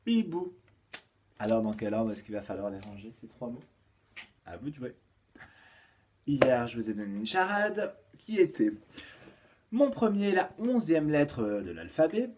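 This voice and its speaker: A male kindergarten teacher gives young children a home-schooling lesson, counting aloud, singing a rhyme and reading riddles slowly and clearly. His mid-range voice has a darkish tone, with slight background noise.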